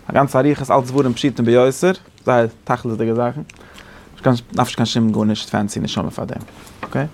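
A man teaching a Torah class in a casual lecturing way, often rising to high emphatic peaks. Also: fairly even intonation, fairly quick, darkish tone, a little hiss or hum. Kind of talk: Yiddish-flavored Torah class.

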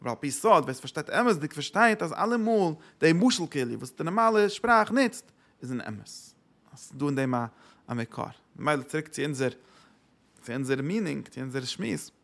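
A man's voice: fairly high pitch, lively intonation, normal speed, creaky, fairly bright tone. A man giving a Torah lecture, asking rhetorical questions and answering them, with English words mixed in.

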